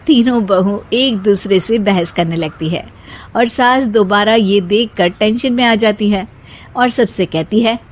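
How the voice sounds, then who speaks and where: A woman's voice: medium pitch, measured pace. A woman storyteller reading a scripted moral tale as narrator.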